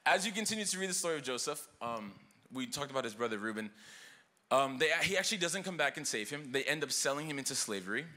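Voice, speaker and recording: A young man preaching from a church stage with a bright, forward voice. He talks to the congregation in a loose, energetic way, with fillers and call-and-response. The pitch sits in a middling male range. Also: fast talker. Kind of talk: sermon. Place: church auditorium.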